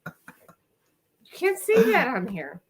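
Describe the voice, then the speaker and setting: A woman co-hosting a relaxed chat, her voice hoarse and giving out. She still talks in an animated, chatty way, mid-range in pitch. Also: slow, slight background noise. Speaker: co-host. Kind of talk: casual chat.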